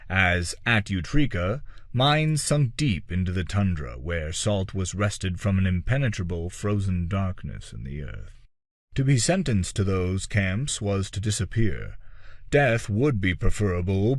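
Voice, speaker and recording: A low-voiced man reads a dark fantasy story like an audiobook narrator, measured and dramatic, pausing deliberately and letting phrases trail off. The studio-quality recording has no echo.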